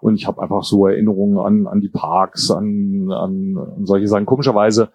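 Fairly low and husky, a little mellow, his flat delivery moves at a moderate pace on a dry recording. He's a writer and political columnist in his fifties, Jordan-born and raised bilingual in England and Germany, speaking reflectively and hesitantly in a casual interview.

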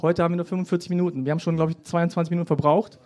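A man's voice: a little high, little pitch movement, very fast, a little mellow. A man hosting a live podcast interview on an outdoor festival stage, casual and playfully teasing his guest. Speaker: podcast host.

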